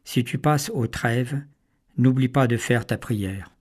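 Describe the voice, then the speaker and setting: A man voicing a poor, ailing peasant mother who is gentle and pious, speaking softly and tenderly in a storybook reading. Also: medium pitch, slow pace, breathy edge.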